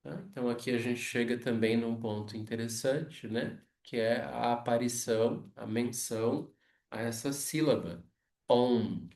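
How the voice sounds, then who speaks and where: A Brazilian man teaching a yoga philosophy class, explaining slowly and checking in with frequent tag questions. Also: mid-range voice, vocal fry, darkish tone. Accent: Brazilian Portuguese. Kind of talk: lecture on scripture. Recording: echoey room, mic far off.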